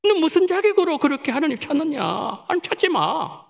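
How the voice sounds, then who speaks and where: A scornful male devil hisses quick, mocking questions in a raised, gravelly voice, put on by a man mid-sermon. His taunts come fast and sneering, with big swings in pitch. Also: sing-song, full character voice. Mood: taunting. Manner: taunting, rapid jeering questions.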